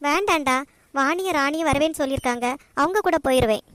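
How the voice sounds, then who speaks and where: High-voiced woman voicing a tearful young student. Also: fairly quick, fairly bright tone. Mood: subdued. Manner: tearful, pleading. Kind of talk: cartoon voice acting of several characters.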